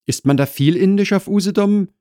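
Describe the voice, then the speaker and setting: A man's voice: high-pitched, brisk, dark tone, dry recording, studio quality, pitched above the performer's own voice, lightly acted. A man voicing an eager, polite, somewhat awkward young student in a comic audiobook.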